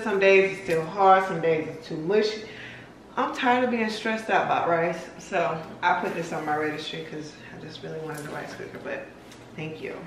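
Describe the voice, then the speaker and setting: A woman's voice: fairly low pitch, fairly bright tone, a little hiss or hum. A young woman vlogging casually at home, chatting as she unpacks and lists her groceries. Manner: chatty, unhurried, listing items aloud. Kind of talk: casual vlog narration. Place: large bare-walled house indoors. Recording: echoey room, mic at a distance.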